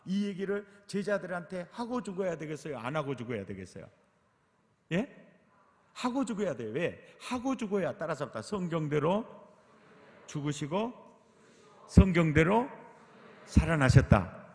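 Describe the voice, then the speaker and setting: A male pastor preaches a sermon at a teachers' training seminar, putting question after question to the audience. His voice sits high with a sing-song lilt, a moderate pace and a darkish tone, and long hall reverb fills the recording.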